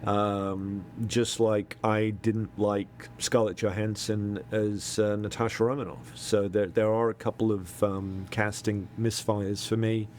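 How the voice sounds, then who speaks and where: A man's voice: lowish voice, flat delivery, darkish tone, a little hiss or hum. A middle-aged man co-hosting a podcast, chatting casually and hesitantly, with many ums and restarts. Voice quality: halting, lots of ums and repeats. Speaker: podcast co-host. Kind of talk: casual chat.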